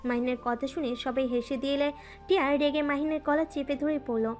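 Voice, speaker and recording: Female narrator for a romance audio story, high and smooth over faint music. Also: steady tone, moderate pace.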